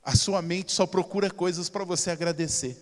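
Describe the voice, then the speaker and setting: Brazilian male pastor, high voice, emphatic storyteller, church hall reverb. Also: moderate pace. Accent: Brazilian Portuguese. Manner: emphatic, storytelling, swings between loud and soft. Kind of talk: sermon.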